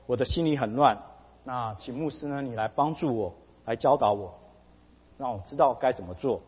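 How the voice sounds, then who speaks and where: A man quoting, in his own husky voice, a troubled married woman who anxiously asks a pastor for help, recorded dull with a long hall reverb. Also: medium pitch, moderate pace, close to an everyday voice. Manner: anxious, hesitant pleading.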